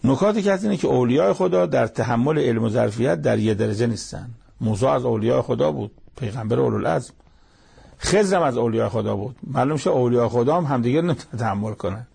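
A man with a deeply gravelly, husky voice teaches scripture commentary. His tone is dark and mellow, and he talks plainly and conversationally, retelling old stories as simple back-and-forth dialogue. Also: animated. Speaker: Quran interpreter. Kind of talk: colloquial Quran commentary lesson.

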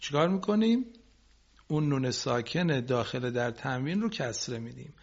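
A man teaching Quran recitation on a radio class, patiently correcting students and slowly modelling each phrase for them. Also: mid-range voice, lively intonation. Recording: dull lo-fi broadcast recording.

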